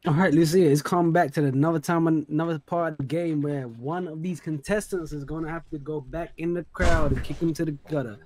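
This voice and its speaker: A man hosting a dating game show inside a role-play game, with smooth emcee patter. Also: fairly high pitch, fairly even intonation, a little fast, hardly any pauses, a little mellow.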